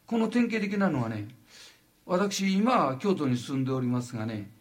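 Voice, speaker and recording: An older man from Japan giving a lecture, halting with frequent fillers and lively asides. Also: a little high. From Wajima, Noto Peninsula, Japan.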